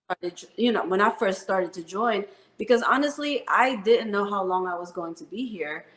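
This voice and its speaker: A woman's voice: medium pitch, normal speed, a bit bright. Earnest army woman in her 30s, mid voice, lots of ums, roomy echoey sound. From Philippines, raised in New Jersey. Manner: earnest, heartfelt storytelling with fillers. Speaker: Army first sergeant, guest. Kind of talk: interview conversation.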